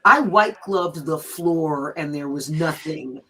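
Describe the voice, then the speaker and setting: A middle-aged American woman from Los Angeles tells personal stories in a frank, lively chat. She is blunt, swears freely and acts out what people said. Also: low voice, slow pace, husky. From Los Angeles, USA. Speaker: guest teacher telling stories. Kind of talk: candid storytelling chat.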